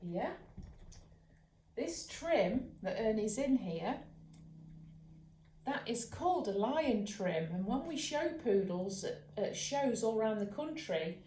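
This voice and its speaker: Expressive woman reading a bedtime story. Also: a little high, takes it slowly, long pauses, a little hiss or hum. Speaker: children's author and dog trainer. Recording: roomy echo.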